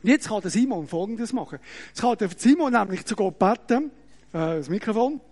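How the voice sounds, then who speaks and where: A middle-aged man with a Swiss German accent preaching an animated, joking sermon that pulls the audience in, often tagging his sentences with "oder?". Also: high-pitched, brisk, breathy edge. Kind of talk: lively sermon with audience demonstration.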